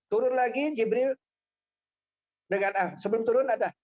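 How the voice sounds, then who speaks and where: A man's voice: very high-pitched, a little mellow, highs cut off. A male preacher giving a storytelling sermon, who repeats his phrases and draws out his emphasis, heard through a remote audio feed. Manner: repetitive, drawn-out emphasis.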